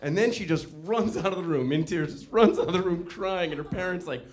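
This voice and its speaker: A male stand-up comedian ranting in an exasperated, animated way. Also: high-pitched, brisk.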